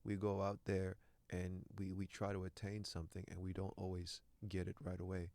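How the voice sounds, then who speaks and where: A man from Canada, a native French speaker, talks earnestly as a guest actor in a reflective interview, often repeating words as he hunts for them. His deep, darkish voice is monotone with vocal fry, moving at normal speed. There's no echo.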